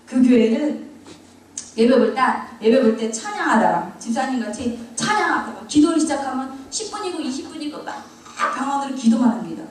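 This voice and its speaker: A woman's voice: high-pitched, expressive, fairly quick, a little mellow, slight background noise. A middle-aged woman, a church deaconess, giving her testimony with humor, mocking herself and laughing often. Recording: very echoey hall, mic far off.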